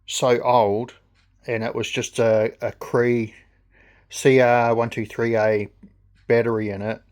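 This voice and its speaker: Slow-talking New Zealand man. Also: mid-range voice, level tone, a little mellow. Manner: halting, hesitant delivery with pauses. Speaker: gadget reviewer. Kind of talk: casual unscripted product review.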